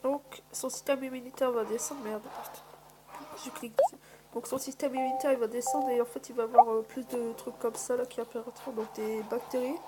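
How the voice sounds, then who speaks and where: A woman's voice: on the high side, steady tone, a little fast, heavy background noise. A woman casually commenting on a video game, hesitant, with many fillers and mild swearing. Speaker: gaming video host. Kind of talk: casual let's play commentary. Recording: loud music behind the voice. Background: loud background music.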